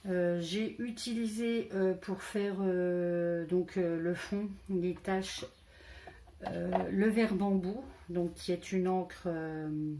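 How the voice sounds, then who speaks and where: A woman with a low, mellow voice and a regional French accent shows her handmade cards, casual and unhurried. She hesitates a lot and loses her thread now and then. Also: fairly even intonation, slight background noise. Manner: hesitant, many fillers, loses track. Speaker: crafting vlogger. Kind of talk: casual craft show-and-tell.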